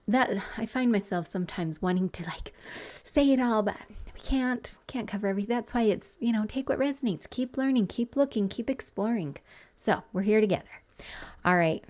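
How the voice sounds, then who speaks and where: A woman coach hosting a podcast, talking earnestly and thinking aloud, with restarts and soft whispered asides. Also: medium pitch. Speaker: podcast host and betrayal trauma coach. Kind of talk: personal reflective podcast talk.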